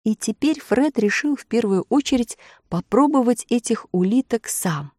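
Expressive woman storybook narrator. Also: on the high side, moderate pace, no echo, clean studio sound. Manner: expressive, rising with excitement. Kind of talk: storybook reading.

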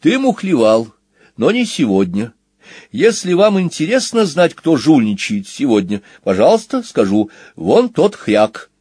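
A man voicing a talking machine that only tells the truth, speaking calmly, formally and matter-of-factly, in a storybook reading. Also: fairly high pitch, unhurried, breathy edge, dry recording, studio quality, voice pushed up, heavily acted. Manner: calm, matter-of-fact, formal. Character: talking truth-telling machine box, calm and precise.

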